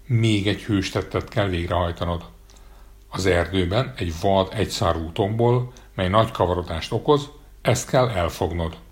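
A man's voice: low-pitched, close to an everyday voice. A man voicing a scheming, cautious king in a storybook, formal and persuasive.

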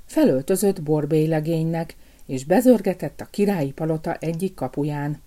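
A woman calmly reading a fairy tale aloud as storyteller. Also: low-pitched.

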